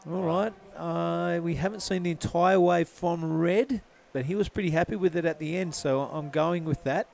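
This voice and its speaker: A man's voice: fairly high pitch, moderate pace, creaky, a little mellow. A man giving live surf contest commentary in a laid-back, casual surfer announcer manner.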